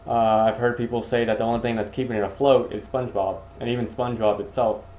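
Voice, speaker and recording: A man with a mellow, relaxed voice chats casually on a podcast, hedging and circling back as he talks. He is recorded in an echoey room with a faint hiss behind him. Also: medium pitch, fast. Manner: hesitant, hedging and restarting sentences. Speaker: podcast co-host. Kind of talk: casual chat.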